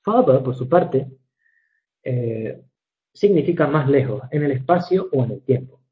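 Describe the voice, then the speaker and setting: A man teaching English grammar in a recorded lecture, measured and methodical, slowing down to read examples and correcting himself with fillers. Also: medium pitch, lively intonation. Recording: dull lo-fi recording.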